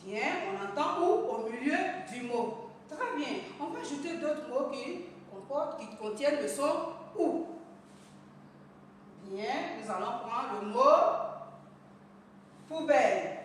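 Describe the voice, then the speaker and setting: A woman teacher giving an early reading lesson to children, pronouncing each sound slowly and carefully. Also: sits high, expressive, recorded from a distance, slight background noise. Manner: slow, careful enunciation of sounds, addresses children. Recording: echoey room heard from afar.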